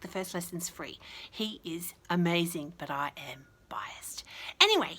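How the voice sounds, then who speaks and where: A medium-pitched Australian woman who tells stories to children and teaches reads them a picture book. She's expressive, breaking off for warm, chatty asides.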